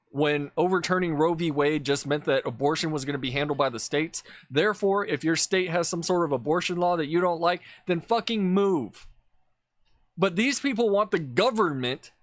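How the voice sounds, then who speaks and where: Man commentator, slightly high voice, dry close mic, blunt profane ranting over clips. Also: dry recording. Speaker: political commentator.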